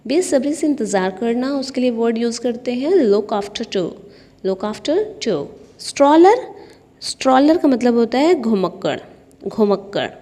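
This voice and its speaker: A woman's voice: fairly high pitch, animated, moderate pace, warm tone. A woman teaching English vocabulary and repeating each word in a drill. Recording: long hall reverb.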